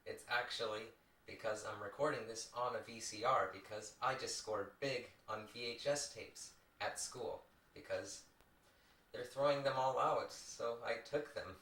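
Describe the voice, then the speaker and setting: A man's voice: medium pitch, unhurried, sharp tone. A man giving a rambling, casual to-camera monologue, full of restarts and digressions, recorded onto an old VHS tape. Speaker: video maker. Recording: VHS tape recording, echoey, distant mic.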